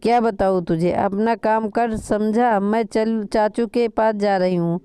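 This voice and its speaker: A woman's voice: medium pitch, fairly even intonation, measured pace, smooth, no room sound, close to an everyday voice. A woman voicing a spirited young woman who snaps back and teases. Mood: irritated. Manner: sharp retorts, playful scolding. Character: spirited young woman, quick-tempered and teasing.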